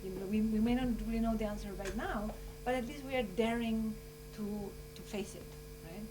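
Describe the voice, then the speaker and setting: A woman from Chile speaks earnestly at a conference, winding through her thoughts. Her voice sits fairly high. She is picked up from some distance in the room, with a steady hum underneath. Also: a little fast. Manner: earnest, rambling, full of "you know" and "like". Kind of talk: informal closing remarks at a conference.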